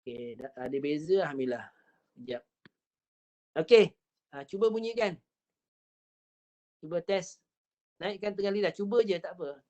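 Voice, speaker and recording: A woman with a Malaysian accent teaching Quran recitation over a video call. She demonstrates each sound slowly and repeats it patiently. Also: on the low side, warm tone. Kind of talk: online tajwid lesson.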